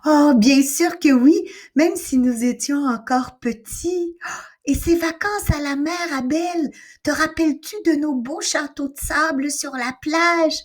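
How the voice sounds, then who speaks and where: A woman voicing a bold, impatient young girl in a storybook reading, speaking brightly and playfully. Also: sits high, slow pace, voice pushed up. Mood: fond. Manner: bright, lively, teasing.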